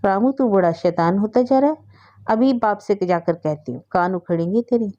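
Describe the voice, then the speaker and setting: A woman voicing a gentle, patient young mother who coaxes and soothes, in a storybook reading. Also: medium pitch, normal speed, dull audio, lightly acted. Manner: soothing, coaxing.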